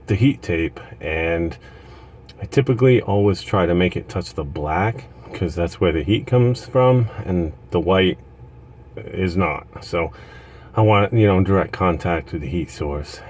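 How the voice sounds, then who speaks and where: A man with a very low voice talks from inside a cramped reptile rack, so everything comes back with a hollow, cave-like echo. He lies on his stomach, rambling through a casual how-to with plenty of fillers and restarts. A faint hum of noise sits under him. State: lying on his stomach, reaching into a tight space. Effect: hollow cave-like echo from talking inside a reptile rack. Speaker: reptile keeper showing his setup.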